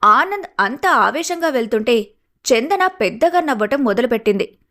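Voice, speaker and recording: A woman's voice: fairly high pitch, very animated, moderate pace, sharp tone. A woman narrating a scripted cartoon story in a dramatic storytelling manner.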